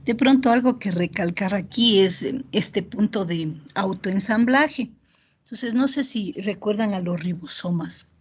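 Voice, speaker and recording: A middle-aged woman teaching an online biochemistry class, often pausing to ask students if they follow. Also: mid-range voice, husky. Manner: checks in often with "¿ya?" and "¿verdad?"; steady explanatory pace with filler pauses. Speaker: university lecturer.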